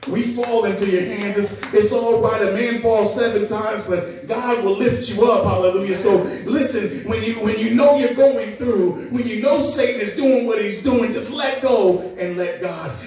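A man preaching a sermon as pastor, playful and lively, acting out little scenes with laughs. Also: sits high, moderate pace, hardly any pauses. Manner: playful, acts out animals and voices with laughs. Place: church. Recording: echoey church hall, mic far off.

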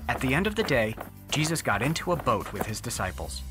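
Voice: medium pitch, sing-song, brisk. A narrator telling a Bible story for children in a friendly, simple explaining manner. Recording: music underneath.

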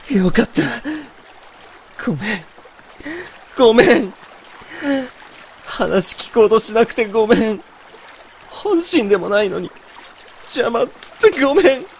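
A man's voice: high voice, lively intonation, slow, gravelly, long pauses, a little hiss or hum, exaggerated voice. A man voicing a young boyfriend in an ASMR situation drama, remorseful, brusque yet tender and protective, talking bluntly and intimately as in pillow talk. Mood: desperate, pleading.

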